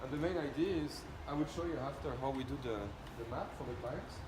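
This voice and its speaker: With a fairly high pitch and a quick pace, a male company presenter with a French accent runs an informal product demo. Each step gets explained, and he regularly ends points with tag questions checking that the audience keeps up. Echo and loud background noise are present throughout.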